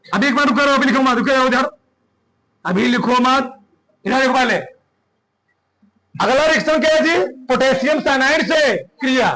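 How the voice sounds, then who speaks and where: A man teaching a class, firing short questions at his students one after another. His voice sits very high and rings bright and forceful. He drills the class in a lively, commanding way. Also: low-quality recording. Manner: quizzing students with rapid questions. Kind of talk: classroom chemistry lesson.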